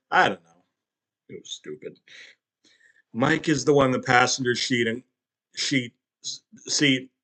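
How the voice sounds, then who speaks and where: A man narrates a parody creepypasta and breaks off into crude, sarcastic asides. His voice is bright and forward. His pitch swings widely as he moves between mock suspense and jokes.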